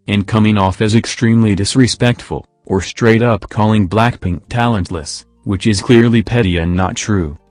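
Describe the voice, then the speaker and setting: Low synthetic male robot voice. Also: no room sound. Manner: flat, evenly paced machine reading. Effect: synthetic robot text-to-speech voice. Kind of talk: scripted opinion commentary.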